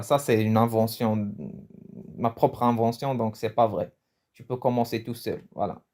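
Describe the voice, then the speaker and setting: A man's voice: mid-range voice, mellow. Chatty man teaching a casual lesson. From Morocco. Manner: chatty and loose, restarts phrases, laughs at his own jokes. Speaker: language teacher. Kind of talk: casual video language lesson.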